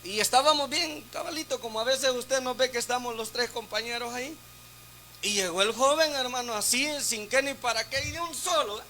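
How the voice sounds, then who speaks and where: A man's voice: extremely high pitch, a little fast, sharp tone, slight background noise. A man preaching a sermon in a church, talking conversationally and constantly turning to the congregation with rhetorical questions. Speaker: deacon preaching.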